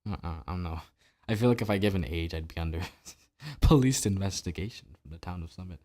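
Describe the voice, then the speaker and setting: Deep-voiced sarcastic man hosting a podcast. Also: fast, a little mellow. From New Jersey. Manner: sarcastic and opinionated, with rhetorical questions. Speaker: podcast host. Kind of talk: solo political commentary monologue.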